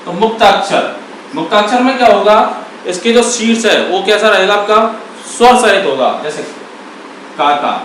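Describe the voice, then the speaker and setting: A man teaching a grammar lesson, asking questions and answering them himself, repeating key words and sounding out syllables slowly. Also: sits high, fairly bright tone, very echoey, distant mic, slight background noise, low-quality recording. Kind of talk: classroom lesson.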